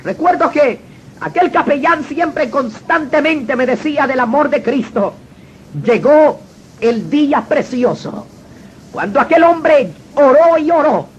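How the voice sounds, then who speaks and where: A man's voice: very high voice, expressive, measured pace. A man telling his personal testimony in an earnest, dramatic storytelling manner. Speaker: testimony speaker. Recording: dull lo-fi recording with faint noise.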